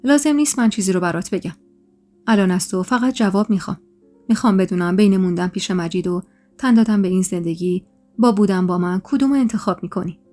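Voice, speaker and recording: A woman's voice: mid-range voice, mellow, faint music behind, close to an everyday voice. A woman reading a serious middle-aged man, muffled and earnest, storybook podcast. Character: grave middle-aged man declaring quiet love.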